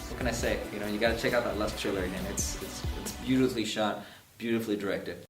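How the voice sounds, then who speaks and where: A young man, an actor, chatting in an interview, halting and often repeating his words. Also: on the low side, steady tone, music in the background. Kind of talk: casual interview chat. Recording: echoey room, distant mic, faint hiss.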